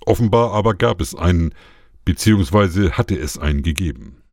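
A man narrating a science-fiction story in a measured, even way. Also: low-pitched, creaky, no room sound, studio quality. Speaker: audiobook narrator. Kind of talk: scripted narration.

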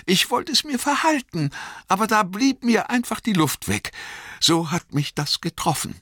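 A man reading aloud and voicing a timid, fawning young male hobbit gardener who pleads in a rushed, breathless way. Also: sits high, big pitch swings, a bit bright, husky, no room sound, studio quality, pitched above the performer's own voice, full character voice. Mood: eager.

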